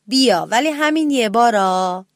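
A woman voicing a kind, sensible sister mouse who talks gently and reasonably. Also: a little high, expressive, dry recording, studio quality.

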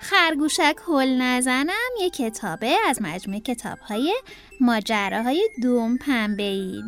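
A young woman reads a children's picture book aloud and often turns to speak to her little listeners. Her high voice swoops up and down in an animated, sing-song way. The sound is dry and close, with soft music behind. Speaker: children's storyteller.

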